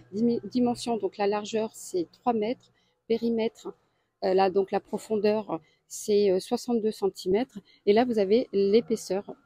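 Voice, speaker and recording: A woman, a deal-hunting vlogger, walks through a store aisle and lists prices and sizes. She speaks in a chatty way and pauses often. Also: mid-range voice, mellow, husky, dry recording. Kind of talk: casual store walkthrough. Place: home improvement store aisle.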